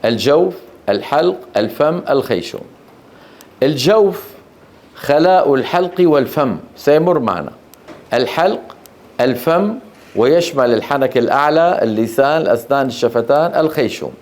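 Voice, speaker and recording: A man teaching a class on Quran recitation. He explains slowly, repeats key terms and keeps checking that students are following with short questions. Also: mid-range voice, animated, darkish tone. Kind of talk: classroom lecture.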